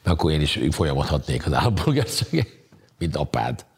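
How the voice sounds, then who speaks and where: A man with a very deep, husky voice in casual conversation. He rambles through his stories with crude jokes and loose asides. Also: very animated, a little mellow. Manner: crude, joking, rambling storyteller. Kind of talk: casual chat.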